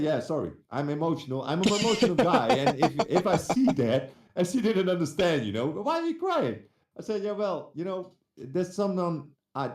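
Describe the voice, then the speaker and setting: A man's voice: mid-range voice, a little mellow, roomy sound. A man from the Netherlands with a Dutch accent, a guest telling his story in casual chat, hesitant and full of restarts. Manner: hesitant, many restarts and fillers.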